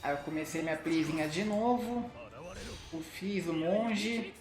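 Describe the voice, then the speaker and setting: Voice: mid-range voice, measured pace. Echoey casual Brazilian card game commentator. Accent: Brazilian Portuguese. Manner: informal, with frequent tag questions. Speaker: gaming channel host. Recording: roomy echo with faint music. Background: music.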